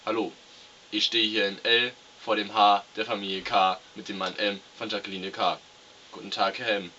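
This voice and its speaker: A man's voice: fairly low pitch, level tone, normal speed, bright, forceful tone. A man playing an earnest TV field reporter conducting a mock news interview on a hissy recording. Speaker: co-host. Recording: dull, hissy, noisy recording.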